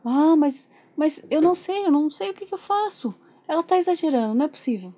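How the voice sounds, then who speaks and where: Woman voicing an exasperated young guy, whiny and fed up with being a dad, highish voice. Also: brisk, dark tone, husky. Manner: exasperated and complaining. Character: frustrated young man, reluctant new father.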